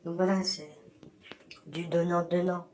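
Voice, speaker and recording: A YouTuber's filtered, disguised voice, high-sitting and darkish with little pitch movement, drifts unhurriedly through a frank, hesitant ramble to his community. He records this casual vlog in his bathroom, and slight background noise is present.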